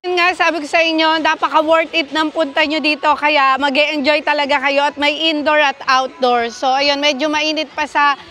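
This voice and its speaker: Excited high-voiced woman vlogging a theme park. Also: moderate pace. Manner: excited, exclaiming, talks to viewers. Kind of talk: casual travel vlog narration.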